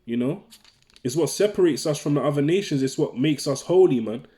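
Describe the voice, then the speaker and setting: A man's voice: fairly high pitch, animated, brisk, dark tone. A man preaching informally, reading scripture and tagging his lines with "man" and "right?". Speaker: religious teacher.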